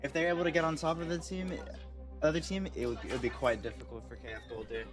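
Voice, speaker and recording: High-voiced man giving esports match analysis. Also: little pitch movement, quick pace. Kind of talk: live game analysis commentary. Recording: loud game music and gunfire behind. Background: loud game music, gunfire.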